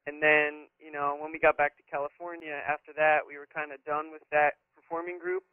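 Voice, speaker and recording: A man's voice: on the high side, completely flat delivery, a little fast, clean tone, no echo. Easygoing young man on a phone line. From New Jersey. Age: 20s. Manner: easygoing and casual, lots of ums and uhs. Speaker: band member, interview guest.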